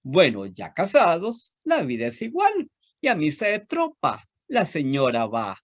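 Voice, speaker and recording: A man with a Costa Rican accent lectures and then recites a children's poem with theatrical flair. He takes his time and lets his pitch rise and fall dramatically. The sound is close and dry. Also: wildly swooping pitch, a little slow, no room sound. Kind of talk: lecture with expressive poetry reading.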